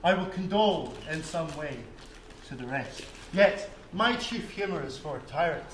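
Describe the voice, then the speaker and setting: A man playing a boastful, hammy male weaver in a stage play, booming and grandiose. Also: animated, normal speed, fairly bright tone. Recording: echoey hall, faint noise.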